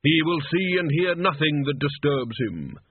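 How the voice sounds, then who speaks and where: A man voicing Death, an ancient skeleton reaper, solemn and imperious, speaking in a slow, measured, pompous way. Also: fairly high pitch, very animated, breathy edge, no room sound, narrow, tinny audio, heavily acted. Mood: solemn, formal.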